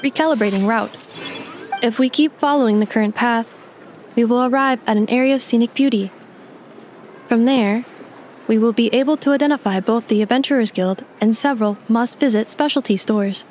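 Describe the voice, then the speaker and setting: A woman gives voice to a polite robot guide assistant, female, in game dialogue with music playing underneath. Her tone is slightly high, slightly quick and a bit mellow, close to how she'd normally talk. The delivery stays calm, exact, formal and fact-focused.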